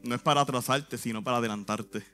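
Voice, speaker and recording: A man's voice: mid-range voice, fairly even intonation, fast talker, pushed and bright. A man, a youth pastor giving an earnest, emotional church testimony in short phrases. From Puerto Rico.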